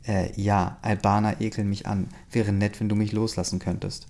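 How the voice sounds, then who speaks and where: A man reading the lines of an irritated, sharp-tongued teenage girl in a low, mellow voice. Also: little pitch movement, moderate pace, vocal fry. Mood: cold. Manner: curt, dismissive.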